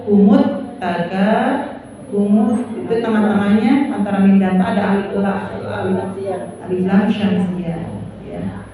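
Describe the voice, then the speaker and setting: A woman's voice: mid-range voice, steady tone, measured pace, a crowd in the background. A woman teaching Quran recitation to a group of women, patiently demonstrating each verse and explaining the rules. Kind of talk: tajwid lesson to women. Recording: echoey room, far from mic.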